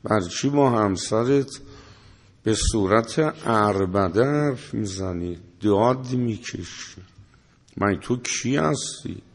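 A man's voice: fairly low pitch, expressive. A man preaching a sermon, scolding his listeners with rhetorical questions and quoting Arabic verses. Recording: long hall reverb.

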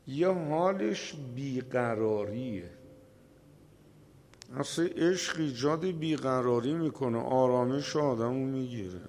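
A man preaching a sermon in a gravelly, creaky voice, pitched in an ordinary middle range. He lingers over his words with long pauses and grows louder at the high points. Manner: slow, emphatic delivery with dramatic pauses, voice rising at climaxes. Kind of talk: religious sermon, storytelling.

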